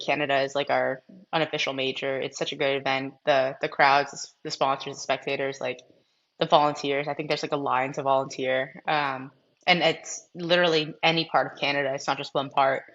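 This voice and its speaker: A woman's voice: low voice, fairly even intonation, fairly quick, lo-fi sound. A woman in her twenties from Massachusetts, a professional golfer telling stories as a podcast guest, chatty and full of "like" and "um". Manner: chatty, frequent fillers like "like" and "um". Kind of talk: casual storytelling interview.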